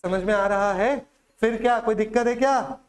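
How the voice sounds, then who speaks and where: A man's voice: sits high, moderate pace. Man teaching a class, quizzing students. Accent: Chhattisgarh Hindi. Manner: drills students with repeated questions and mnemonics. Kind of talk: classroom lecture with call-and-response drills.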